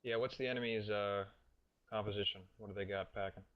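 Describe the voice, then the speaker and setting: A man with a fairly low voice speaks up casually as a team member at a briefing. His audio is dull and lo-fi. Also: fairly even intonation, brisk. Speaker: player asking a question at a briefing.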